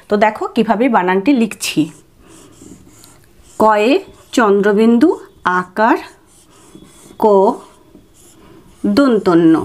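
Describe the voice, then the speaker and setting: A middle-aged woman teacher giving a grammar lesson, spelling words out slowly and repeating each one to check that her pupils follow. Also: mid-range voice, a little mellow. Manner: slow, drawn-out, repeating each word; asks "ঠিক আছে?" to check understanding.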